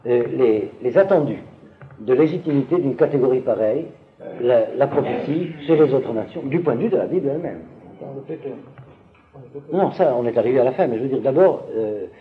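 A man teaching a class on biblical texts, hesitating and restarting, often asking the listeners whether it is clear. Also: medium pitch, animated, normal speed, narrow, tinny audio.

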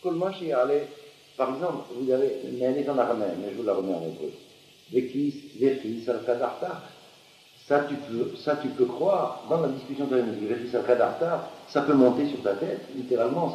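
A man lecturing at a university with a mellow, dark voice, stumbling over words and restarting often. He keeps quizzing his listeners. The sound is roomy and slightly muffled, with faint noise underneath. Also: mid-range voice. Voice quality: hesitant, many restarts and fillers. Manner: lively, questioning, uses Hebrew and Aramaic terms. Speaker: lecturer on Talmud.

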